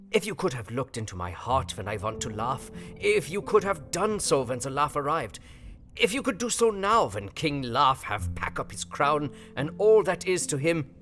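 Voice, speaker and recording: An actor playing a philosophical, grieving older foreign professor in an audio drama, speaking dramatically in broken English. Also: male voice, mid-range voice, sharp tone. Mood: tender, sorrowful. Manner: broken non-native English syntax, dramatic sighing delivery. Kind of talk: theatrical audio drama acting. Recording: music behind the voice.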